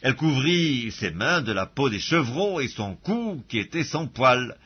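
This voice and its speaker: Male scripture reader, measured and husky; dull recording. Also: mid-range voice. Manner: measured, even reading. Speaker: Bible reader.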